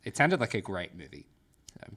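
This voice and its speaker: A man's voice: on the low side, sing-song, moderate pace, bright, forceful tone. A man co-hosting a podcast in casual chat, laid-back and jokey, with casual swearing. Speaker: podcast co-host.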